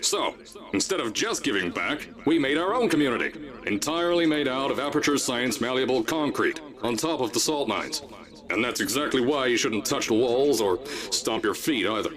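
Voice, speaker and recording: A man's voice: expressive, normal speed, distant mic, a crowd in the background, lightly acted. An actor playing a brash, boastful middle-aged male science company CEO giving pre-recorded announcements in a game. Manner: bombastic, boastful, booming announcer delivery. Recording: roomy in-game audio with loud music.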